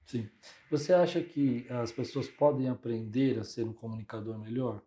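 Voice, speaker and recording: A man with a Brazilian Portuguese accent, a pastor hosting a podcast, asking gently provocative questions. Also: mid-range voice, steady tone, normal speed. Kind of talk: conversational podcast interview.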